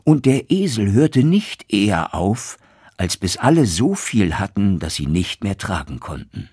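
A man reading a fairy tale aloud in a very dramatic, expressive storytelling manner. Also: on the low side, measured pace, husky, dry recording, clean studio sound.

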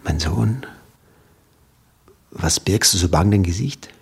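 A man voicing a father who speaks in a low, soothing, steady way. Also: slow pace, gravelly, slightly rough, heavily acted. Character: calm, reassuring father on horseback.

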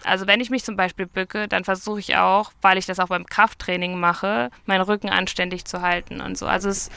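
A brisk, bright woman in her twenties works as a market gardener and answers interview questions outdoors by a vegetable field. Her mid-range voice stays level, creaky yet smooth and forceful, with no echo, and she chats freely, correcting herself as she goes.

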